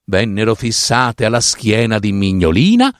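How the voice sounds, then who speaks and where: A man reading a fairy tale aloud with a slow, sing-song, dramatic delivery on a close mic. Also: fairly low pitch, sing-song, no echo. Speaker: storyteller.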